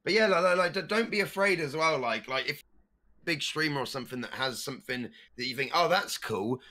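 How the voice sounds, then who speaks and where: A streamer appearing as a podcast guest chats casually, stuttering as he goes and sometimes bursting into loud meme voices. His voice runs somewhat high, with lively intonation and a brisk pace.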